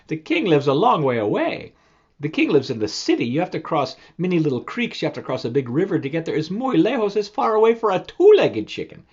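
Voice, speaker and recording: A man voicing a caring, fussy mother hen who gently scolds and coaxes her chick. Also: on the high side, very animated, a little fast, husky, highs cut off, voice pushed up. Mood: coaxing.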